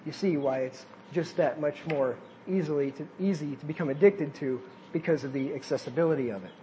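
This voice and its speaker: A man's voice: fairly high pitch, fairly quick, mellow, a little hiss or hum. A man preaching a sermon, reading quotes aloud and breaking off to add casual asides.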